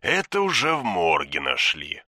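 Guy doing a gruff grumbly police boss, sharp tense voice, swings up and down, dry sound. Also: low voice, huge pitch swings, a little slow, dry recording, heavily acted. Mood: grim. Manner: grumbling, pressing, blunt. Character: gruff blunt older male police chief. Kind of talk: audiobook reading.

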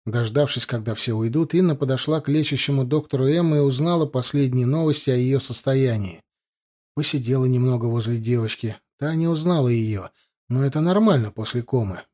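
A man narrating a story as an audiobook in a steady, even manner. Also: medium pitch, a little fast.

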